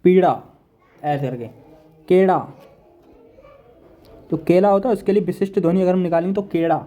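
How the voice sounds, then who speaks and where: In an online exam-prep session, a man with a high-sitting voice rattles through Hindi grammar very quickly, and the audio has a phone-like quality. He writes notes on a board while he talks, going over every point again and again with "देखिए" and "ठीक है".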